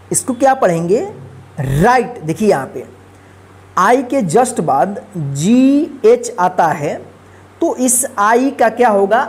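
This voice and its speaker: A woman's voice: medium pitch, darkish tone. A woman teaching English pronunciation rules, spelling words letter by letter and repeating them patiently. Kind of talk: phonics lesson.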